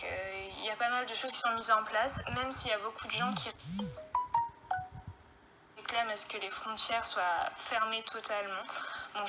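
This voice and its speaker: A woman's voice: mid-range voice, poor audio. A woman from Réunion, a guest giving a casual spoken testimony, hesitant and full of fillers, recorded at home.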